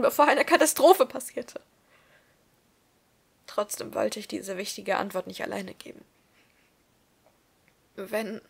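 Young woman reading a story out loud, fairly high voice, goes soft and whispery a lot. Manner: expressive, often dropping to a soft whisper. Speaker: story reader.

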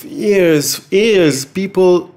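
A man's voice: sits high, extremely slow, darkish tone. Sardonic man giving dismissive reaction commentary. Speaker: reaction video host. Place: small home room. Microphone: close studio mic on boom arm.

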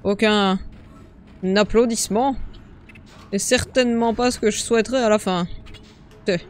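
A man's voice: high-pitched, fairly even intonation, moderate pace, soft background music. A man giving comedic in-character commentary on a horror game playthrough, sarcastic, crude and boastful. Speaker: gamer narrating a parody playthrough in character.

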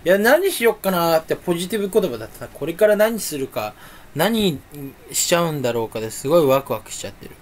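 Young male vlogger, self-mocking chatter, fairly high, swinging voice, faint hiss behind. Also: big pitch swings, quick pace. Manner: playful, self-mocking muttering with sudden loud outbursts; talks while sucking candy. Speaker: YouTuber. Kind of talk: rambling solo chat.

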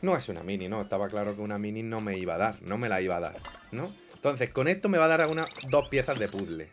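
A young man doing casual gameplay commentary, swinging grumbling mutters to excited yelps. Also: lowish voice, quick pace, faint music behind. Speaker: gaming YouTuber.

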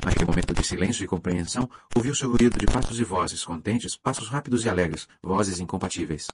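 A man narrating a mystery audiobook in a measured, even storytelling manner. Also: sits low, noisy background. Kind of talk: scripted narration.

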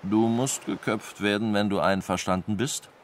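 A man's voice: lowish voice, fairly even intonation, moderate pace, slight background noise, lightly acted. A man voicing a cruel, mocking robot king who talks in a haughty, cold way.

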